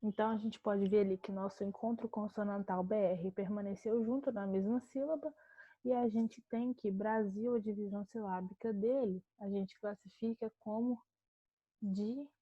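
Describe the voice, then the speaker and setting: A Brazilian woman teacher giving a calm online grammar lesson, explaining step by step and slowing to spell out words. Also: medium pitch, dry recording, dull audio. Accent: Brazilian Portuguese.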